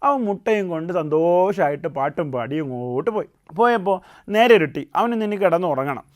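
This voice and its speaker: A man hosting a children's puppet show, telling a folk tale gently and often asking the young listeners questions. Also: sits high, animated, moderate pace. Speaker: puppet show host and storyteller. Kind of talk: storytelling to children.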